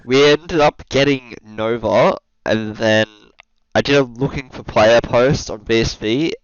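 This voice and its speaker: A man's voice: medium pitch, unhurried. A man hosting a casual gaming podcast, laid-back and teasing, laughing easily as he leads the chat. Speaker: podcast host. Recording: dull lo-fi voice call audio.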